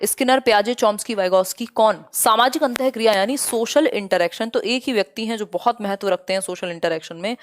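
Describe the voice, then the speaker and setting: Hindi-speaking lady teacher doing a live exam class, blunt, nags students to like and share. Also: medium pitch. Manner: direct, scolding students, reads questions slowly.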